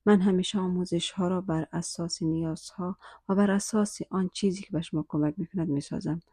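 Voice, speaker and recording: Woman, English teacher, slow careful repetitions, low mellow voice, dry close sound. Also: steady tone, slightly rough, no room sound. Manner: says each English phrase twice, slow and careful, some in a whisper. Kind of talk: language lesson, repeating phrases slowly then translating quickly.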